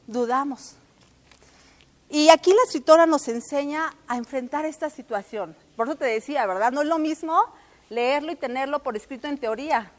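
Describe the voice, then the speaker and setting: A woman in her forties with a Mexican Spanish accent, teaching a church workshop in a warm, conversational way that keeps checking in with the listener through rhetorical questions. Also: high voice.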